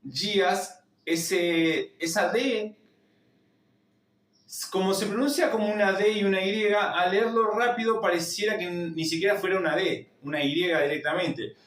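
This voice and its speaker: Argentine male teacher, higher voice, slow patient delivery, drills words over and over. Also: fairly bright tone, echoey room, recorded from a distance. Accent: Argentine Spanish. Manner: repeats each word slowly, drilling pronunciation. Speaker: language teacher. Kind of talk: slow spoken lesson.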